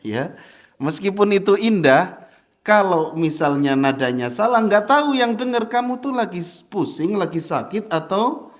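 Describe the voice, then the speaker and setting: Ustadz guy giving a casual mosque lesson, laughs a lot, kinda high voice. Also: lively intonation. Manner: chatty, laughs often, chants verses slowly as examples. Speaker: ustadz teaching Quran recitation.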